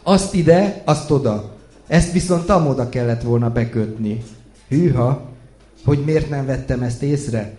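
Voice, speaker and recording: A man reading out a tipsy, boastful man who fixes wiring, shouting loudly and excitedly. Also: mid-range voice, natural voice. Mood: boisterous. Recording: echoey room.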